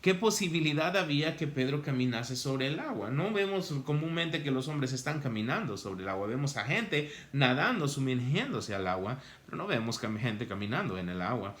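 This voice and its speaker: A male preacher with a mid-range voice delivers a sermon to people following along at home. He reads verses at a measured pace and rises in pitch and energy as he acts out the story. The sound is roomy and echoing. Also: expressive, a bit bright. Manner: reads scripture slowly, then rises in pitch and energy to act out the passage.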